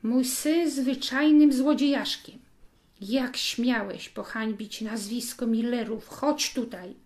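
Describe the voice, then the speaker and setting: A woman voicing a stern, angry father who punishes his son, speaking loudly and commandingly. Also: fairly high pitch, fairly even intonation, takes it slowly. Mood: furious.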